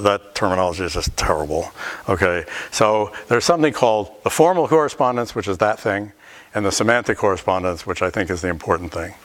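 A man's voice: low-pitched, fairly bright tone. A middle-aged man giving a university lecture in a hall, thinking aloud and often restarting his phrases.

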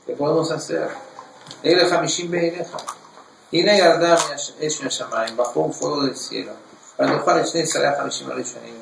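A man teaching a Torah class, reading verses in Hebrew and explaining them in an animated way. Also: medium pitch, gravelly, reverberant, distant mic, slight background noise, low-quality recording.

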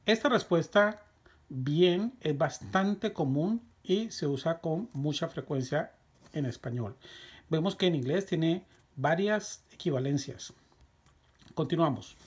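A Spanish teacher giving a slow, deliberate language lesson, repeating each drill phrase and lifting the pitch on every practice question. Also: animated, breathy edge.

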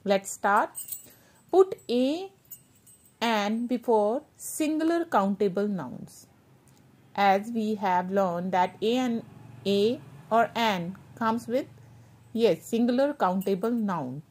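Woman teacher, very slow, drawn-out delivery, mixes English and Hindi. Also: mid-range voice, a little mellow. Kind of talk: classroom grammar lesson.

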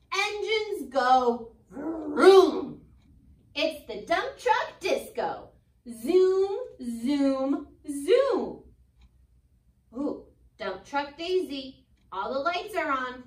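Her very high voice animated and deliberate, a young American elementary teacher in her twenties reads a picture book aloud to children. She breaks in with expressive, chatty asides and quizzes her young listeners. A phone camera several feet away records the roomy indoor classroom.

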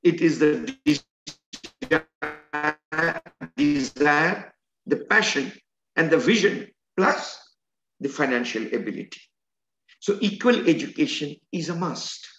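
A man's voice: on the high side, animated, slow pace, fairly bright tone, soft background music. An older man, an educator, giving an earnest and emphatic online lecture over a video call from a room at home. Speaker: educator and trainer. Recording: roomy, dull video-call audio.

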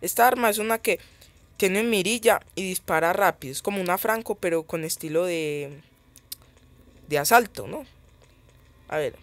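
A man's voice: high voice, normal speed, pauses often, a bit bright, dry recording. Chatty man commenting on a game. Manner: chatty, thinks aloud, easily startled. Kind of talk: casual gameplay commentary.

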